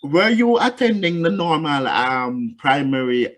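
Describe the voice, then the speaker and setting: A man's voice: fairly high pitch, very animated, a little slow, fairly bright tone. A man hosting an interview, speaking animatedly and addressing the listeners directly. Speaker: interview host.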